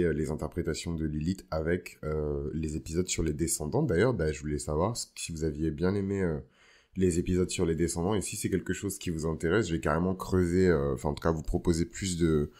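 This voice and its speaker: A man with a bass voice and darkish tone hosts an astrology podcast as a casual, informal monologue, dropping bits of English slang into his talk.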